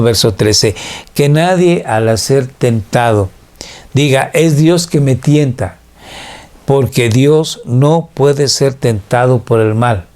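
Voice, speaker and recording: Slow-speaking male pastor, mellow voice. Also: mid-range voice. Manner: slow, measured preaching with quoted dialogue. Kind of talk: sermon.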